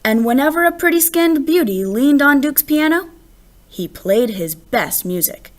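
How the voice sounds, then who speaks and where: Here a high-voiced woman reads aloud from a children's picture book. Her narration is expressive, with deliberate phrasing and words given extra stress.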